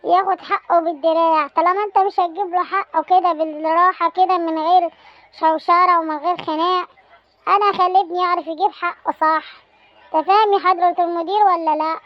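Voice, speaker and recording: A woman's voice: extremely high pitch, fairly even intonation, quick pace, no echo. A woman with an Egyptian accent playing an indignant mother in a comedy sketch, scolding and complaining. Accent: Egyptian Arabic. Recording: lo-fi sound.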